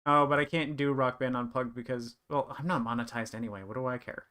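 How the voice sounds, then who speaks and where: A man's voice: medium pitch, fairly even intonation, a little fast, bright, forceful tone. A young man chatting casually on a live stream, thinking aloud and rambling with lots of fillers.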